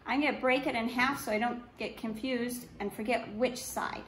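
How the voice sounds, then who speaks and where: A middle-aged art teacher demonstrates a craft for children at a wooden table indoors, giving step-by-step instructions in short, simple, unhurried phrases while working with her hands. Her voice is on the high side, fairly even in intonation and fairly bright. A camera a couple of meters away picks up roomy echo and faint background noise.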